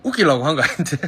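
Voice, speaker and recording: A man's voice: a little high, sharp tone, slightly rough. A man with a Gyeongsang Korean accent chatting casually on a live stream from his phone, reading viewers' comments, playful and teasing and laughing often.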